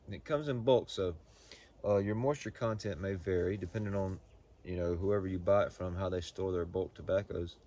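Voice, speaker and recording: A man giving a casual, unscripted product review in a halting, folksy way, often repeating words as he goes. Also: sits low, warm tone. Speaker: pipe tobacco reviewer.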